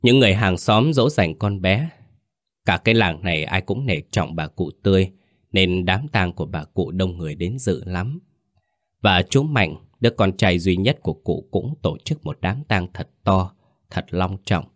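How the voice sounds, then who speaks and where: A man narrating a horror story in a calm, measured storytelling manner. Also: low-pitched, dry recording, clean studio sound.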